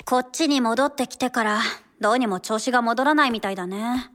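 Woman doing a cheeky tomboy racer girl, high bright lively voice. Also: brisk, lightly acted. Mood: casual. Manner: casual, breezy, blunt. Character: cheeky young female racer, casual and blunt. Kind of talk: radio drama acting.

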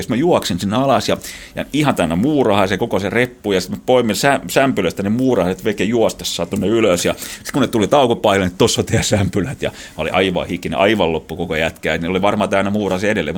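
A middle-aged Finnish man telling adventure stories in an interview, animated and laughing often, with many restarts. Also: on the low side. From Finland. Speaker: guest, explorer. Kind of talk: casual storytelling.

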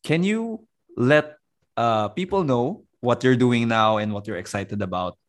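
A Filipino man hosting a podcast interview, asking questions in a relaxed mix of English and Tagalog, with lots of tag questions and fillers. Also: medium pitch, a little slow. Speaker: podcast host. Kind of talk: casual interview.

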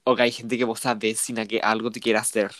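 A man's voice: fairly low pitch, little pitch movement, fast talker, a bit bright, no room sound. A young man co-hosting a casual podcast chat, rambling with lots of fillers and restarts. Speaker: podcast co-host.

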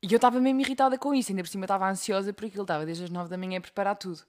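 A young woman with a European Portuguese accent, co-hosting a casual podcast and telling stories in an animated way, acting out the voices she quotes. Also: mid-range voice, very fast. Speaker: podcast co-host. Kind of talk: casual chat.

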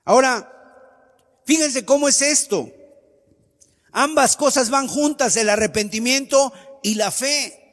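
A man's voice: extremely high pitch, unhurried, pauses often, a bit bright. A man preaching a sermon with an emphatic, sing-song cadence. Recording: long hall reverb.

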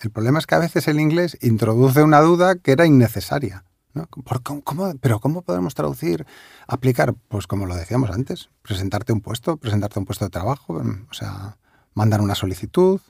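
A man with a Galician accent, a language expert guest, explaining word usage in a relaxed, playful conversational way. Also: mid-range voice, brisk, vocal fry, slightly rough, no echo, studio quality. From Galicia, Spain. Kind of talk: conversational interview.

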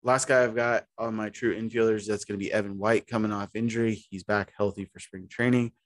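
A man co-hosts a podcast, chatting about baseball in a loose, rambling way and restarting sentences partway through. His voice is lowish and level, he talks fairly quickly, and the recording is dry.

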